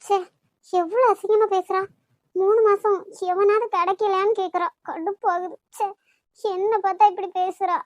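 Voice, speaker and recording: A woman's voice: very high-pitched, steady tone, normal speed, no room sound. A woman with a Kanyakumari Tamil accent voicing a hurt young heroine who complains and pleads. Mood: upset. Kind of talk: cartoon voice acting.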